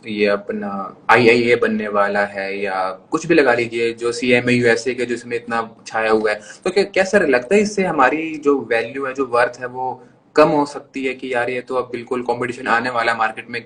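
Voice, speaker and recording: A man's voice: mid-range voice, fairly bright tone, a little hiss or hum. A man with an Indian accent hosting a live stream interview, polite and eager. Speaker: interview host. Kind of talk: casual interview. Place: live stream video call. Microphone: video call.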